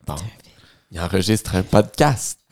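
A man's voice: sits low, expressive, creaky, heavily acted. A man in an improv comedy scene, playing a tired, strict father with a Québécois accent who scolds his kids at bedtime. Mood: weary. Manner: scolding, drawn-out. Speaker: improv performer.

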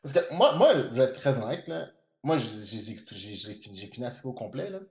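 A man's voice: mid-range voice, sing-song, a little fast, darkish tone, reverberant, muffled recording. A man co-hosting a podcast in casual chat, mixing English into his with lots of fillers. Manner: chatty, mixes English into French, many fillers. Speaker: podcast co-host.

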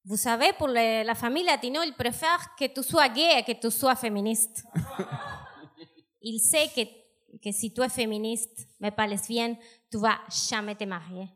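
A woman's voice: a little high, normal speed, a bit bright. South American-accented woman doing stand-up. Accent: South American Spanish. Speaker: stand-up comedian. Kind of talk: stand-up set.

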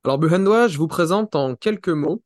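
A man's voice: a little high, expressive, moderate pace, no room sound, studio quality. A man with an English accent, speaking French as a podcast co-host and formally introducing a guest. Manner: formal, reads a prepared introduction.

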